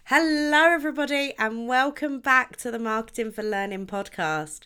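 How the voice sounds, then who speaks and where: A woman's voice: a little high, moderate pace, sharp tone, clear, resonant tone. A woman with a nasal, stuffy voice from a cold, presenting a podcast informally as its host. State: bunged up with a cold.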